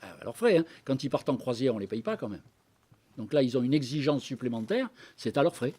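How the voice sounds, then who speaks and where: A man's voice: mid-range voice, expressive, fairly quick, darkish tone, breathy edge. A man speaking as a guest at a public debate, lecturing conversationally to a live audience with many asides, hesitations and passages read aloud. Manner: reads historical documents aloud.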